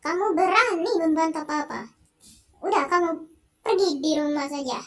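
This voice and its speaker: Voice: very high-pitched, normal speed, a bit bright. A young gamer doing a stern scolding father. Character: stern tired father scolding his daughter. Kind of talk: game dialogue read aloud.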